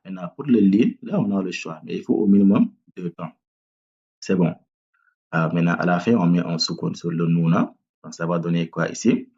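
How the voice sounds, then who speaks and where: A man teaching tajwid, patiently breaking down each word and repeating it slowly to correct common student mistakes. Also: low voice, vocal fry, a little mellow, slightly rough, muffled recording. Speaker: Quran recitation teacher. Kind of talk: tajwid lesson with demonstrated recitation.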